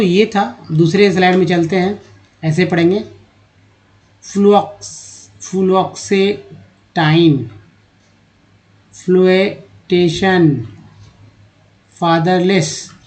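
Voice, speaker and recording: A man, teaching in a slow lesson and reading word lists aloud syllable by syllable. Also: sits high, darkish tone, poor audio. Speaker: English teacher.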